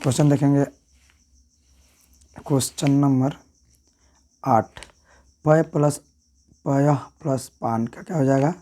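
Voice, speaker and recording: A man's voice: mid-range voice, fairly even intonation, slow pace, long pauses, dark tone. A man, talking through exam answers as a teacher in a casual way and often checking in with "thik hai" and "right".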